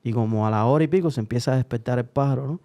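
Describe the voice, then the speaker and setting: A man's voice: medium pitch, racing, warm tone. A man hosting a podcast in casual chat, rambling with hesitations and restarts. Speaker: podcast host. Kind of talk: casual chat and joke-telling.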